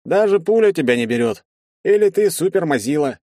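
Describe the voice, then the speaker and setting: A man narrating an audiobook, voicing Bartynov, a boisterous and merry young man who talks loudly and jovially. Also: on the high side, lively intonation, a little fast, dry recording, clean studio sound, voice pushed up, natural voice. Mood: exuberant. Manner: loud and jovial.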